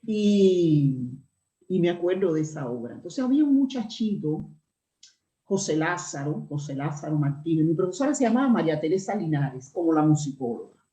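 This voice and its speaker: A middle-aged Cuban woman with a strong, resonant voice, telling stories in a lively conversational interview. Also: low voice, normal speed. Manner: animated storyteller, lively asides. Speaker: actress, interview guest. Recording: roomy, slightly dull recording.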